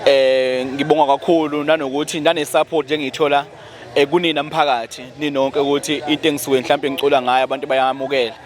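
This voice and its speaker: A man's voice: fairly high pitch, flat delivery, fast talker. A man with a Zulu accent, a musician talking casually as an interview guest in a humble, thankful, repetitive way.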